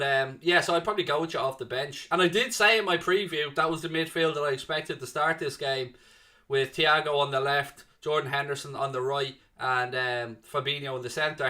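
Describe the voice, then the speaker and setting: A young man from Ireland with a South Dublin accent hosts a football watchalong stream, reading out viewer comments in casual live chat. His voice is fairly high, fairly even in intonation, and fairly quick. Bright and jokey, he chats easily with viewers, calling them "mate" and "man."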